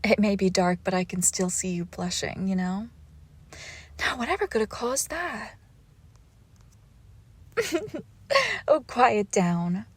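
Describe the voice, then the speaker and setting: A woman acts as a vampire girlfriend in an intimate romantic audio roleplay, her mid-range voice breathy and often sinking into whispers. She is animated yet slow and deliberate, with a playful, haughty, teasing manner.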